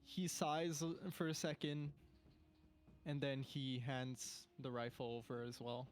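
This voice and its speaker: A man's voice: mid-range voice, little pitch movement, unhurried. A man playing a tabletop game, describing his character's actions in a hesitant, rambling way. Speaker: player.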